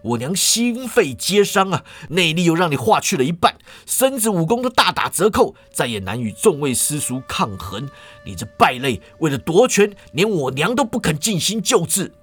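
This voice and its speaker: A man voicing a furious, vulgar young swordsman who shouts and curses accusations. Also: a little high, lively intonation, normal speed, husky, faint music behind. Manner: shouting, cursing.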